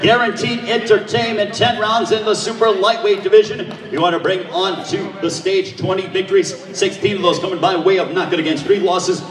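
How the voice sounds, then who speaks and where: A man's voice: sits high, steady tone, a little fast, few pauses, crowd noise. A man working as a boxing weigh-in announcer, with a showman's delivery that draws out fighters' names. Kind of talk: live sports announcing. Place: large echoing event hall. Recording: echoey hall PA, distant from mic.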